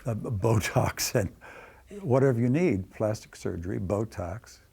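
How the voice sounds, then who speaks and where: Gravelly, low male interviewee in his 70s, slow, chatty, faint noise behind. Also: dark tone.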